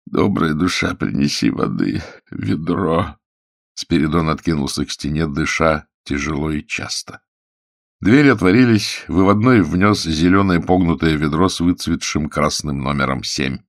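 A man reading an audiobook aloud in steady, measured narration. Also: very deep voice, dry recording, studio quality. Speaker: audiobook reader. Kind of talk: scripted narration.

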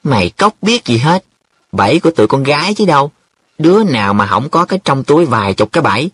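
A man's voice: medium pitch, very animated, fairly bright tone, breathy edge. A man voicing a cheeky, boastful young man who teases his friends in a dramatic, wheedling way. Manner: wheedling, dramatic, quick teasing banter.

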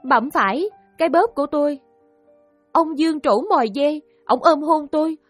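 A woman's voice: sits high, normal speed, no room sound, soft background music, lightly acted. An actress voicing a young woman accused of murder who answers an official with earnest, deferential pleading in an audiobook drama.

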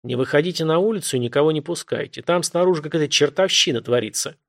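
A man's voice: fairly high pitch, gravelly, a bit bright. Man doing a harried police dispatcher. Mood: pressed. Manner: brisk, firm, reassuring. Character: harried male police dispatcher, calm but pressed.

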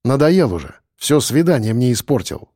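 A man reading an audiobook voices a gruff adult man who teases and bosses a boy around. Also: mid-range voice, very animated, normal speed, warm tone, no room sound, clean studio sound. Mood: teasing. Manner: gruff, mocking, bossy. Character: gruff grown man, teasing and dry-humoured.

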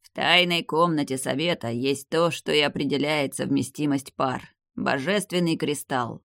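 A man reading the part of an old vampire clan head, the narrator's grandfather, in a grave, measured, weary manner. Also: a little high, gravelly, fairly bright tone, no room sound, clean studio sound. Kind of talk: audiobook character reading.

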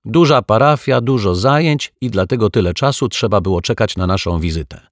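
A man voicing a nervous, mumbling young altar server in a children's audiobook, his voice pushed high and strained. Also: brisk, no echo, clean studio sound, close to an everyday voice. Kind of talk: audiobook character voice.

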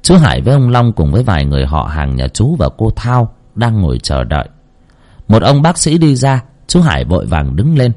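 A man's voice: lowish voice, sing-song, brisk, darkish tone. A man narrating a horror story dramatically.

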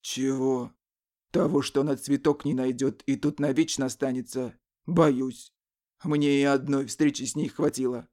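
A woman's voice: very deep voice, steady tone, a little slow, dark tone, pitched below the performer's own voice. A woman voicing a stern male forest spirit who gives curt, cold commands.

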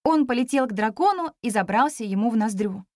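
A woman narrating a children's storybook in the first person, expressive and clear. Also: a little high, fairly quick, no room sound, clean studio sound. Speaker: audiobook narrator.

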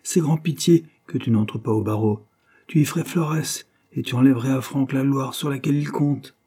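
A man reading an audiobook, voicing a bitter, sharp-tongued young man who lies sulking in bed. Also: medium pitch, moderate pace, slightly rough, voice pushed up. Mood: bitter, irritated. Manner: sarcastic, irritated. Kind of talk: audiobook character voice.

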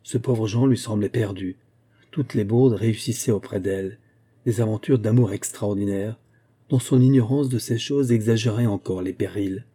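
Dark husky male audiobook narrator. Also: on the low side. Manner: measured, literary. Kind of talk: scripted narration of a classic novel.

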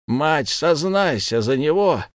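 A man reading an audiobook voices a defiant young man under torture, mocking his accusers through strained shouts. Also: a little high, lively intonation, takes it slowly, no echo, clean studio sound, voice pushed up.

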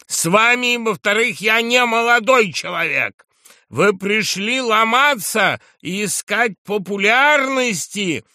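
A man voicing a drunk, furious young newspaper writer who rants and shouts accusations. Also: medium pitch, big pitch swings, normal speed, hardly any pauses, no room sound, clean studio sound.

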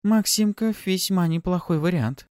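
A man's voice: high voice, moderate pace, a little mellow, clean tone, dry recording, studio quality, voice pushed up, lightly acted. A man voicing a sly, possessive female succubus with a mocking, playful manner in an audiobook. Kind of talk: audiobook character voice.

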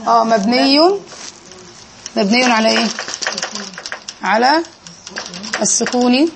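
A woman's voice: on the high side, lively intonation, takes it slowly, vocal fry, noisy background. A woman with an Egyptian accent teaching an Arabic grammar lesson in a classroom, quizzing her students and drilling them on each answer.

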